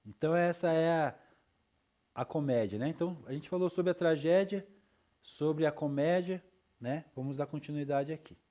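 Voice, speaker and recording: A man's voice: a little high, normal speed, mellow. A male teacher lecturing his class in a loose, chatty way, with frequent tag questions and checks for understanding.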